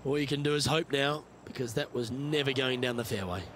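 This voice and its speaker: A man's voice: mid-range voice, fairly quick, background noise. A man working as a golf commentator, giving play-by-play of the round.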